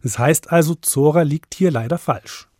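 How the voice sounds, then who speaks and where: A man hosts a children's program and talks straight to the young listeners. His voice is husky. It is recorded dry and close. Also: on the high side, moderate pace, darkish tone, dry recording. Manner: friendly, addresses kids directly. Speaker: host. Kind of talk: children's radio presenting.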